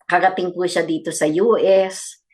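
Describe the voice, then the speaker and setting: An older woman, a grandmother, gives a personal testimony as a guest in a radio interview, telling her story earnestly in a mix of Tagalog and English. Her voice is fairly low, steady, and darkish, at a normal pace.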